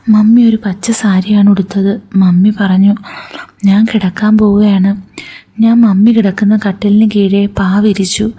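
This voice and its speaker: Female narrator, whispered storytelling; very breathy, dark and flat. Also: medium pitch. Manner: hushed, steady, unhurried reading.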